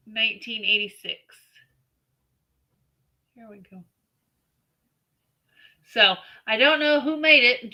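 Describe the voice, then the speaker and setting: Woman auctioning glass vases, slow and careful, bright sharp voice pitched a bit high. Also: muffled recording. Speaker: co-host auctioneer. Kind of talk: casual live-stream auction chat.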